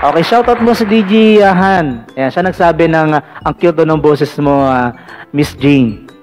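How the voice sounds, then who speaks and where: Male host for a live call-in show, talkative and playful, voice pitched a little high, light music underneath. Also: normal speed, darkish tone. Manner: chatty, teasing, many fillers like "ayan". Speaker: vlog radio-style host taking callers. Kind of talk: casual live call-in chat.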